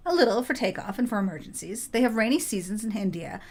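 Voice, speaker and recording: A woman's voice: mid-range voice, animated, quick pace, close to an everyday voice. An eager airship saleswoman voiced by a woman explaining her wares in a chatty, informative way. Her voice stays close to the reader's own.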